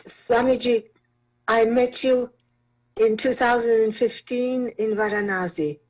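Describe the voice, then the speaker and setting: A woman gives a devotional testimonial in a measured, deliberate way. She speaks slowly, in a somewhat high voice. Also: fairly even intonation, poor audio.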